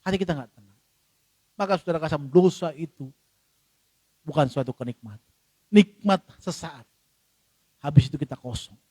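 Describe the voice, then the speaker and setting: A male pastor with an Indonesian accent preaching a sermon in church, swinging between loud and soft and acting out quoted voices. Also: a little high, expressive, normal speed, long pauses, no echo.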